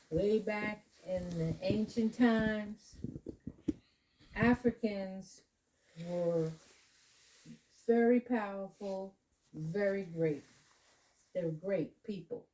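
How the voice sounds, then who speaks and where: A woman leading children in a home lesson, coaching them patiently with slow, drawn-out explanations. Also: medium pitch, recorded from a distance, noisy background. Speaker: adult leading children in a candle lighting. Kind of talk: home teaching talk. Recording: voice from away from the mic.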